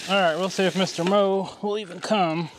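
A man's voice: steady tone, moderate pace, heavy background noise. A man, chatting casually outdoors on his farm in an easygoing rural way. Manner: easygoing rural talk, calling animals in a high coaxing voice. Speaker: farmer and channel host. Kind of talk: casual farm vlog narration. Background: goats, sheep and chickens.

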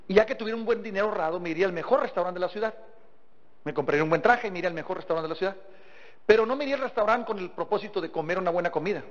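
Speaking to a live audience in a large seminar hall, a motivational business speaker from Sinaloa in northern Mexico delivers a folksy talk full of stories and rhetorical questions. His voice is high-pitched with a northern Mexican accent, and the hall recording sounds dull and echoey.

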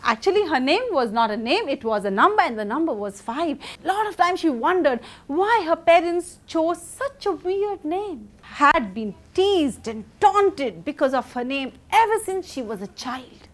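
A woman in her thirties telling a folktale live to children in a theatrical, expressive way. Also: sits high, normal speed, few pauses. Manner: theatrical, expressive, uses sound effects. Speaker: children's storyteller. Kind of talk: live dramatic storytelling of a folktale. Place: medium-sized indoor room with seated children.

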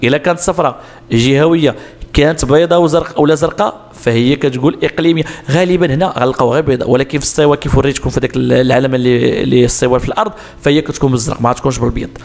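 A man's voice: medium pitch, racing, creaky, a little mellow. A man with a Moroccan Arabic accent explaining road sign exam answers step by step, asking questions and answering them himself. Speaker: driving instructor.

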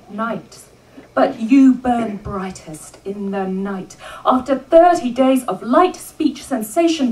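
A woman delivers rhythmic spoken-word poetry at a live event, her high voice leaping and dipping with lively swings. She whips the audience into call-and-response. She sounds a little distant from the microphone.

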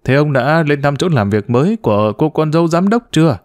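A man's voice: a little high, lively intonation, fairly quick, a little mellow, no echo, clean studio sound, close to an everyday voice. A man reading a story, voicing a blunt, abusive older grandmother who scolds in a raised voice. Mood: scornful. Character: sharp-tongued older village grandmother, scolding.

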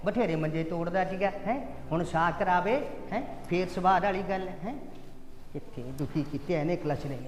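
An actor playing a gruff, fussing old village father-in-law, grumbling and scolding. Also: high voice, moderate pace, roomy sound, big-room sound, a little hiss or hum, close to an everyday voice. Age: older.

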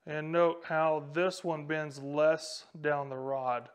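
A man's voice: on the high side, fairly even intonation, slow, smooth. A man, hosting a fishing channel and explaining gear casually to the camera in a small indoor room on a lapel mic. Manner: casual, talks straight to camera while handling rods. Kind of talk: instructional explainer. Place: small indoor room with a whiteboard and a tackle wall.

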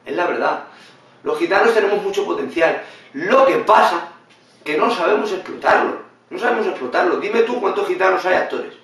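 A man giving blunt, animated vlog commentary in reaction to a video. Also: high voice, moderate pace, a little hiss or hum. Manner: animated, blunt and swearing, mimics others in funny voices. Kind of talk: casual opinionated commentary. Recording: very echoey room, mic at a distance.

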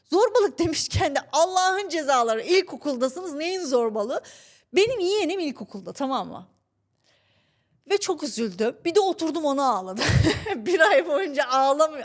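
A young adult woman co-hosting a podcast, telling stories in an animated, exasperated way. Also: high voice. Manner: animated, exasperated storytelling with laughs. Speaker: podcast co-host. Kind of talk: casual chat, storytelling.

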